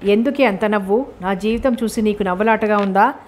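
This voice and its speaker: A woman's voice: medium pitch, brisk, slight background noise, natural voice. A woman voicing a grieving middle-aged mother in a novel reading, sorrowful and earnest.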